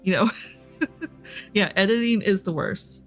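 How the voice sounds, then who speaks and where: Hosting a reading sprint on stream, a Texan with a Southern accent rambles casually and leans heavily on fillers. The medium-pitched voice is unhurried, captured through a desk microphone with the headset off, over soft background music.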